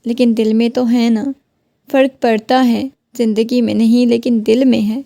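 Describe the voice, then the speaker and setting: A woman's voice: fairly high pitch, little pitch movement, vocal fry, dark tone, dry recording, clean studio sound. A woman voicing a heartbroken young wife who keeps pleading with her husband. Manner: pleading, questioning.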